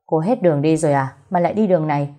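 A woman doing a cold hot-tempered young man, curt, low mellow voice. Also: rapid-fire, close to an everyday voice. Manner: curt and cold, barking when angry.

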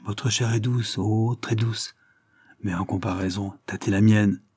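A man's voice: fairly low pitch, fairly even intonation, unhurried, darkish tone, husky, no echo, studio quality. A man voicing an earnest, proud young boxer of simple mind, in a read-aloud story. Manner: earnest, proud of his strength.

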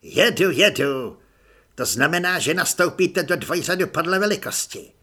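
A bullying army corporal who barks orders and sneers at recruits, voiced loudly by a male audiobook narrator. His voice is loud, sharp and breathy, jumping all over the place. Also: fairly high pitch, very animated, full character voice. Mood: barking. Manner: barking, scornful.

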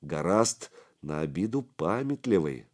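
Man voicing a calm companion, steady, measured, plain-spoken. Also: deep voice, heavily acted.

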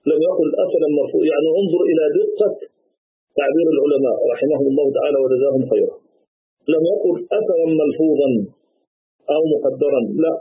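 A man teaching an online Arabic grammar lesson, explaining slowly and repeating key terms. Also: on the high side, breathy edge, dry recording. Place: online meeting room. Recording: tinny dry online call audio.

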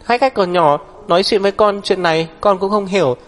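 A man voicing a sulky, tearful young woman who shouts back in shrill, defiant outbursts, in an audiobook. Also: fairly quick, long reverb tail, faint music behind, natural voice. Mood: tearful, indignant. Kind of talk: audiobook character voice.

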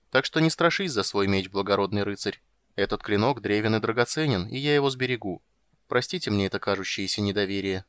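A man reading an audiobook, voicing an ancient, wise female unicorn who guards the forest, in a deep, resonant, calm and stately manner. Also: smooth, no echo, clean studio sound, natural voice. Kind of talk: audiobook character voice.

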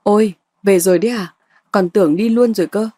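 A woman's voice: medium pitch, brisk, warm tone, dry recording, lightly acted. A woman voicing an arrogant, spoiled young woman who sneers and taunts. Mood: sneering.

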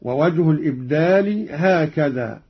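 A man teaching recitation variants, giving formal, measured explanations and chanting each example slowly and melodically. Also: fairly high pitch, lively intonation, slightly rough. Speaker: Quran reading teacher. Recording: dull lo-fi archival radio recording.

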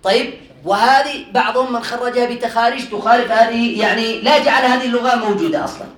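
A man's voice: very high voice, fast, a bit bright. A man teaching a classroom grammar lesson, quizzing his students and repeating their answers with frequent laughter. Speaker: religious teacher. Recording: roomy sound from a distant mic.

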